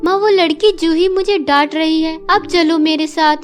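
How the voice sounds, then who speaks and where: A spoiled, scheming stepsister from a cartoon story, as a woman narrator puts her on. She whines and mocks in a high voice. Faint music plays behind her. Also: steady tone, moderate pace. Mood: whiny, mocking.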